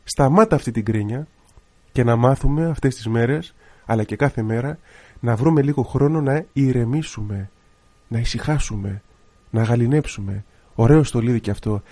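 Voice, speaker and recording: A priest giving a radio sermon in an earnest, exhorting voice that keeps returning to the same phrases. His tone is warm and mellow, never sharp. He sounds like a man speaking from a radio studio. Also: mid-range voice. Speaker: priest and radio show host.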